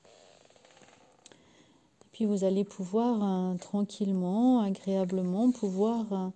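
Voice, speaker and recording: A soft-voiced woman, a practitioner of guided meditation and sophrology, leads a yoga nidra relaxation very slowly. Her medium-pitched voice stays steady and soothing, unhurried, leaving long pauses between short phrases.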